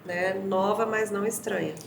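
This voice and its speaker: A woman psychologist with a Brazilian accent, calmly explaining things in a casual interview. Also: mid-range voice, normal speed, creaky, background noise. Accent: Brazilian Portuguese. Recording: roomy sound with music behind.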